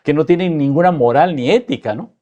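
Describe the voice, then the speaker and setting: A man's voice: a little high, fairly quick, mellow, highs cut off. A man, a guest in a political discussion, arguing emphatically and ending his points with tag questions.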